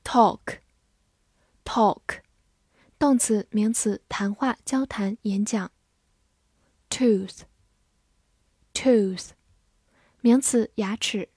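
A woman teaching English vocabulary in a scripted lesson. She says each English word twice, clearly, then explains it. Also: medium pitch, drawn-out words, long pauses, a little mellow, no room sound, studio quality.

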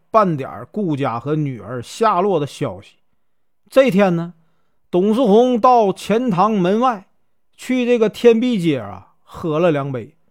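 A man's voice: high voice, darkish tone. A man with a Northeastern Mandarin accent telling a folk tale in a chatty way, drawing words out with fillers. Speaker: storyteller. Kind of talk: spoken folk tale narration.

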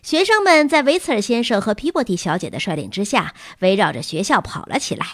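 A woman reads a children's storybook with a lively, swooping delivery. Her voice has a husky, breathy grain. It sounds close and dry, with no room around it. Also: medium pitch, fairly quick, no room sound. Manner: animated, acting out characters. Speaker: audiobook narrator. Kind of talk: storybook reading.

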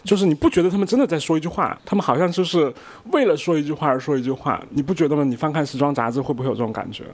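A man's voice: on the high side, rapid-fire, few pauses. A man in casual discussion, questioning and argumentative, with a slight lisp and leaking air from the braces on his teeth.

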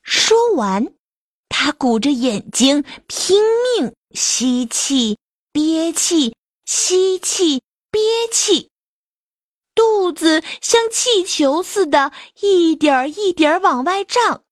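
A woman narrating a children's story in an expressive, lively way. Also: high-pitched, slow pace, dry recording, studio quality.

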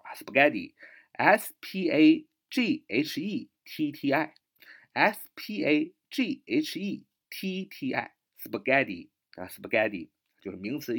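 A man teaching spoken English phrases, explaining them in a chatty way and repeating each phrase slowly. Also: medium pitch. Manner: lively, chatty, asks "是吧" often. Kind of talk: spoken English lesson in Mandarin.

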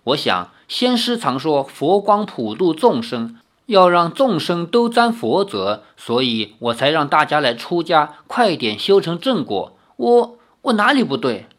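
A reader voicing a pompous old monk who is secretly a thousand-year-old prayer-bead spirit, in a solemn, drawn-out manner. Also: mid-range voice, very animated, a bit bright. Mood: earnest.

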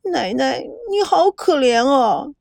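A woman voicing a tearful, indignant teenage granddaughter who pleads in a high, whiny voice. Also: sing-song, slow, gravelly, a little mellow, no room sound, full character voice. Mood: pouting.

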